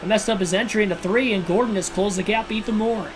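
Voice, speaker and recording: This high-pitched man talks quickly as he narrates a video game race like a realistic play-by-play commentator. As a livestream host, he blends steady broadcast-style calling with personal remarks, and the game's music plays audibly underneath.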